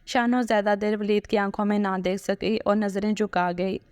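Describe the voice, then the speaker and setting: A woman storyteller giving a steady scripted narration of an emotional family story. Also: medium pitch, normal speed, no echo. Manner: steady, even reading.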